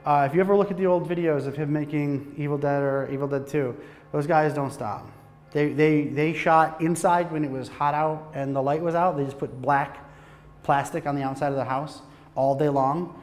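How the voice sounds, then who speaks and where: This film director, an American-accented man from Michigan, talks about filmmaking to a live audience in a hot lecture room, joking casually, swearing freely and often restarting. His voice is on the high side with a steady, darkish tone at normal speed, and a long reverb tail trails his words.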